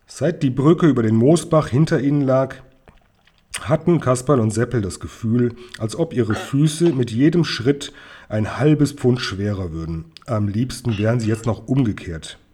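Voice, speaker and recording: Male storybook reader, calm narration, husky tone. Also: mid-range voice, a little slow. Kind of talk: reading a children's book aloud.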